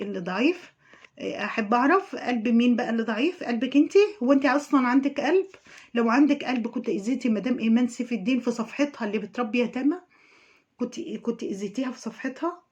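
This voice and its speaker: امرأة بلهجة مصرية تعلّق بسخرية وتوبّخ بحدّة في فيديو تعليق. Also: female voice, fairly high pitch, a little mellow, highs cut off. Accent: Egyptian. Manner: mocking, scolding, indignant. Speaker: YouTube commentator. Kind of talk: sarcastic reaction commentary.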